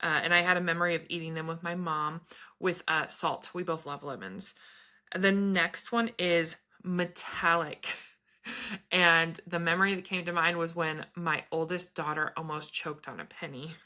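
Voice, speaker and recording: A woman's voice: fairly low pitch, steady tone, moderate pace, sharp tone. A woman in her thirties chatting casually to camera about her spiritual experiences, meandering and laughing between thoughts. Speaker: spiritual vlogger and business coach.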